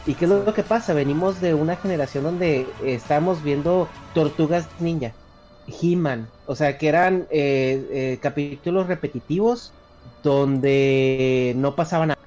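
A man's voice: fairly high pitch, unhurried, a little mellow, faint music behind. A man from northern Mexico with a northern Mexican accent, co-hosting a casual chat; he explains at length with many hesitations and fillers. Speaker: co-host.

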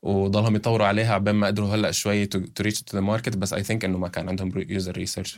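A man's voice: fairly low pitch, level tone, rapid-fire. A man hosting a casual podcast chat, switching between Arabic and English mid-sentence. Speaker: podcast host.

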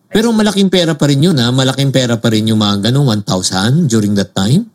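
A man's voice: medium pitch, lively intonation, a little fast. A man with a Filipino accent hosting an interview, asking easygoing follow-up questions and laughing along with his guest. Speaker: host. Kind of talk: casual interview.

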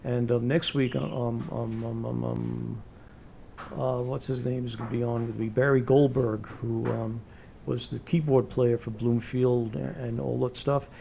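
A man's voice: medium pitch, level tone, unhurried, gravelly, mellow, a little hiss or hum. A man in his sixties hosting a casual interview, chatty and rambling with many fillers. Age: 60s. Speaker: interview host.

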